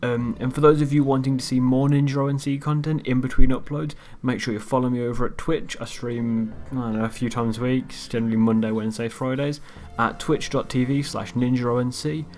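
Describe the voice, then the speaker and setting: A man's voice: medium pitch, steady tone, fairly quick, darkish tone. A man hosting his own video channel, walking through a game theory recap in an offhand, rambling way that trails off. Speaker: YouTube channel host. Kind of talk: casual narrated video outro.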